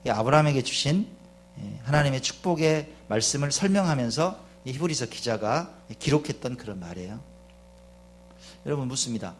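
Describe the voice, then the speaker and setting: A middle-aged man pastor preaching a Sunday sermon. He is chatty, asks the congregation questions, and swings between quiet confiding asides and loud fervent calls. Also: medium pitch, expressive, a little fast, a little hiss or hum. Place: church sanctuary.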